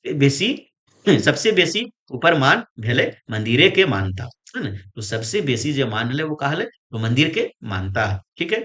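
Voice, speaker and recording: Bright-voiced man teaching in a Khortha-inflected Hindi. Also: mid-range voice, very animated, measured pace. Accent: Jharkhand Khortha-inflected Hindi. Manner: repeats each phrase, adds "है ना?" again and again. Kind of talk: exam-prep lecture.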